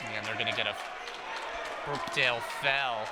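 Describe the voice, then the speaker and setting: A man's voice: medium pitch, fairly even intonation, normal speed, very noisy. A man giving conversational color commentary during a basketball game. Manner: conversational, explanatory. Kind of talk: analytical sports commentary. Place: basketball arena. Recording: broadcast with loud crowd.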